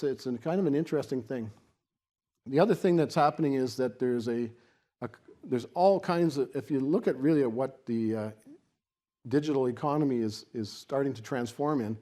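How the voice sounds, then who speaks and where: A man giving a semi-extemporaneous podium speech as a keynote speaker, explaining in a halting way with repeated restarts. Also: mid-range voice, mellow. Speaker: keynote speaker for a technology organisation.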